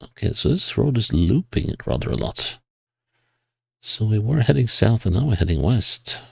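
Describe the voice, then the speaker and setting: A man giving casual gameplay commentary, musing to himself and reading signs and place names aloud in a husky voice. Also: fairly low pitch, very animated, normal speed, a little mellow, no echo. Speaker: GeoGuessr player.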